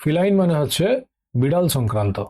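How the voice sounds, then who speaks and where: A man's voice: on the high side, expressive, fast, mellow. A middle-aged man teaching English vocabulary for exam prep in an online lesson, speaking with a Bengali accent. He is patient and repeats key words, often checking with "ঠিক আছে?".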